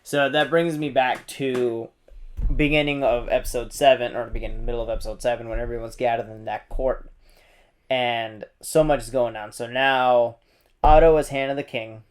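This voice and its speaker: A man co-hosting a casual review podcast, talking in a relaxed, hesitant way with frequent ums. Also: medium pitch, moderate pace, smooth. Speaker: podcast co-host.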